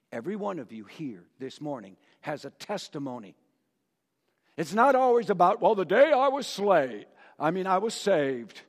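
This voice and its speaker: A man preaching a storytelling sermon in a church, dramatic and asking the congregation questions, with a long reverb. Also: high-pitched.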